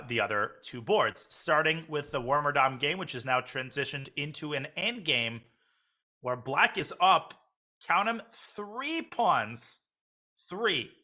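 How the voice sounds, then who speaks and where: A man's voice: on the high side, sharp tone. A man hosting live chess tournament commentary in a conversational way, talking positions over with a co-commentator. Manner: conversational, poses questions to co-commentator.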